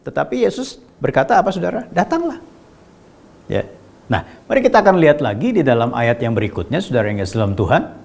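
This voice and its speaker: A male pastor preaching a sermon to his congregation, swinging between raised emphatic lines and low quiet asides, and often turning straight to the listeners. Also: sing-song, fast, vocal fry. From Indonesia. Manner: addresses the congregation directly and often.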